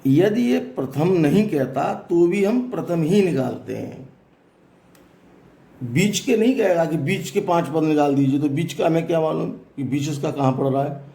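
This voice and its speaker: A man's voice: on the high side, lively intonation, normal speed, creaky, mellow, roomy sound. A man teaching a classroom math lesson, explaining step by step and asking students questions as he goes.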